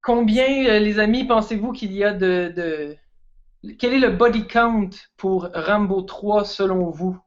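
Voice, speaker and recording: A man's voice: high-pitched, a little slow, highs cut off. A man, a guest film expert chatting casually and enthusiastically on a stream.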